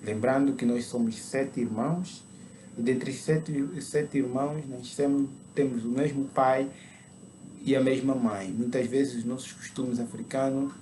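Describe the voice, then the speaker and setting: Here a twenties-aged man, Angolan Portuguese in accent, shares the story of his conversion in sermon form, measured and unhurried with occasional bursts of emphatic preaching. The pitch sits in the middle and the tone stays steady and mellow, over a faint hiss or hum.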